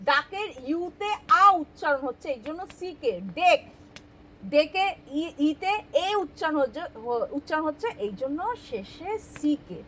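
A woman's voice: high voice, animated, a little slow, slight background noise. A woman teaching English spelling rules step by step, patient and asking her students questions as she explains. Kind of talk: spoken English spelling lesson.

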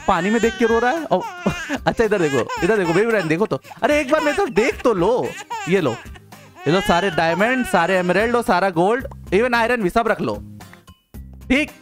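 A young man giving playful gameplay commentary, coaxing and teasing a game companion with quick repeated interjections. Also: high-pitched. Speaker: gaming video host.

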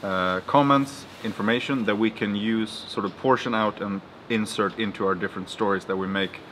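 A man's voice: fairly low pitch, moderate pace, fairly bright tone. A young man, a freelance reporter, chatting casually and easily to camera in a travel vlog. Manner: easygoing, chatty on the phone with short okays. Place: outdoors on a village street and in a hotel room. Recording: echoey with background noise.

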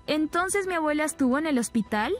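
Woman voicing a guarded young guy, cool and clipped, highish pitch. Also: animated, brisk, soft background music. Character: cold, guarded young husband.

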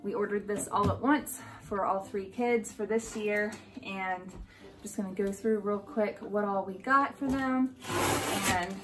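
In a rough recording over music, an American woman in her thirties, a homeschooling mother, chats casually through an unboxing on her home vlog. Her voice is mid-range and a little slow, and she's in a small furnished room at home.

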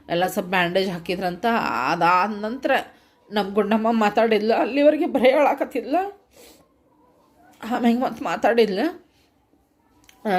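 In a mid-range, darkish voice, a middle-aged woman with a North Karnataka Kannada accent gives a heartfelt, earnest account of what happened to her vlog viewers, speaking to them directly. She is a vlogger and sells food from home.

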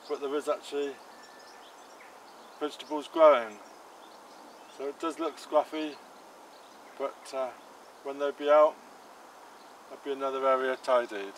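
A man's voice: medium pitch, slight background noise, low-quality recording. A man in his fifties giving a casual walk-around of his allotment and polytunnel, chatting plainly as he crouches by the beds. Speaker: allotment gardening channel host. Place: outdoor allotment garden and polytunnel. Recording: faint outdoor ambience with insects.

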